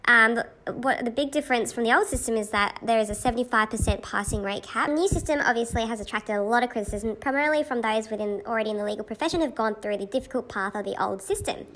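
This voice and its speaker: A young woman presenting a study topic in a casual vlog, reading out points with brief pauses. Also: a little high, a bit bright.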